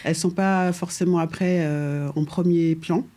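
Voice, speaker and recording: Speaking with a lowish voice, a middle-aged woman from France, raised in Paris since age two, appears as a guest architect in a relaxed interview. She hesitates often, pausing on fillers, restarting sentences and laughing lightly.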